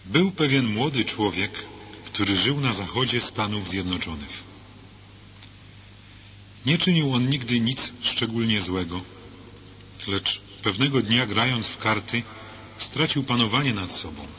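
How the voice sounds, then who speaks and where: A man reading a religious book aloud in earnest, measured narration that turns to direct preaching. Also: fairly low pitch, expressive. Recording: dull lo-fi with faint hiss.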